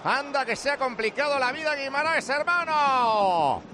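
A man doing live play-by-play football commentary for radio, with rapid, rising calls as the action builds. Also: extremely high pitch, animated, sharp tone, a little hiss or hum.

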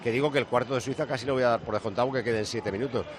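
A man's voice: medium pitch, racing, noisy background. A man hosting a live radio sports show, chatting casually and handing off to reporters. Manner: conversational, hands off to reporters.

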